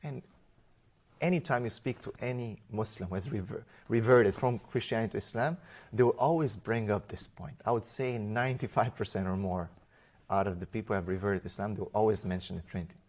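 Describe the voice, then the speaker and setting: Romanian-born male guest, lowish voice, animated storytelling with restarts. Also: brisk. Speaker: interview guest. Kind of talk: conversational personal testimony.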